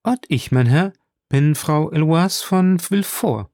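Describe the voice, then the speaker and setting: A man voicing a frantic young noble mother in an audiobook, with a high, breathless, pleading voice. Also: animated, unhurried, a little mellow, no room sound, clean studio sound. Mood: surprised. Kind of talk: audiobook reading.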